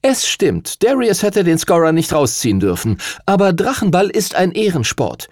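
A man voicing a firm girl team captain in a storybook reading, calming everyone down. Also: high voice, moderate pace, no echo, clean studio sound, pitched above the performer's own voice, full character voice. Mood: placating. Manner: firm, placating.

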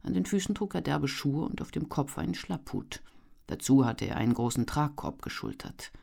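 An expressive audiobook narrator. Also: medium pitch, gravelly. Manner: measured, expressive storytelling.

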